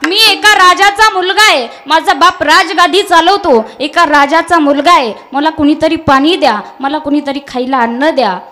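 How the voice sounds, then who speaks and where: A woman voicing a proud prince from an epic tale, stranded in a fire and shouting for food and water. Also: sits high, moderate pace, hardly any pauses. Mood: begging loudly. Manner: shouting, pleading.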